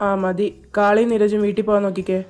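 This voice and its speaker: A woman's voice: medium pitch, flat delivery, fast talker, darkish tone, faint music behind. A woman reading a fan fiction audio drama, playing every role in teasing, bantering dialogue.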